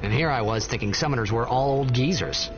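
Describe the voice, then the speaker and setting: A man's voice: mid-range voice, brisk, lo-fi sound, over music, lightly acted. An actor playing a candid, wistful young man who narrates his journey in a reflective video game voice-over. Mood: candid wonder. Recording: dulled game audio through a stream.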